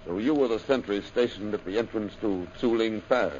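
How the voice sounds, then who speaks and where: A man's voice: lowish voice, a little mellow, close to an everyday voice. Man acting a domineering jungle villain, old muffled radio. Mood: commanding. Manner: domineering, deliberate. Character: commanding, menacing male villain, ruler of a jungle camp. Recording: dull, noisy old radio recording.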